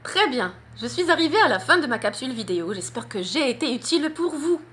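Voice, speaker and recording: A woman with a fairly high, bright voice gives a public speaking lesson. She swoops up and down in pitch and presses hard on key words. Every syllable is sharply articulated. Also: very animated. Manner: emphatic, deliberate articulation with demonstrations.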